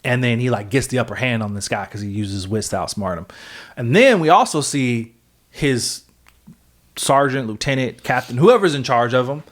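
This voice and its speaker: Man, podcast host, casual chat, rambling, filler-heavy, self-correcting, mid-pitched voice. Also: moderate pace. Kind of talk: casual comic-book recap chat.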